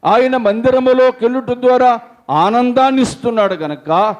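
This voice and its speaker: A middle-aged male pastor preaching a sermon, slow and emphatic, often sinking to a low voice at the ends of his lines and calling his listeners children of God. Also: muffled recording.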